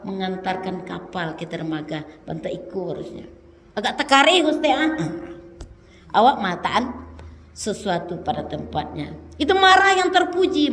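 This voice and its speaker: A woman preacher, giving an animated sermon in a mosque, swinging between loud emphatic lines and low quiet asides. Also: vocal fry, a little hiss or hum. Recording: long hall reverb.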